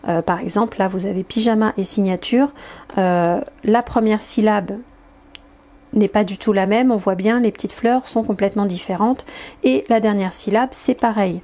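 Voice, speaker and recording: Mellow-voiced woman demoing a card game. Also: mid-range voice. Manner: hesitant, explanatory, many filler pauses. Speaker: presenter of an educational game. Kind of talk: hands-on game demonstration.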